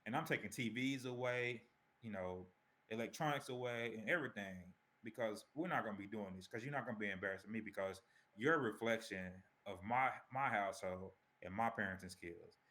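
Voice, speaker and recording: A man's voice: fairly low pitch, fairly quick, sharp tone. A man chatting on a panel who talks emphatically and repeats himself as he makes his point. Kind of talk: casual panel chat.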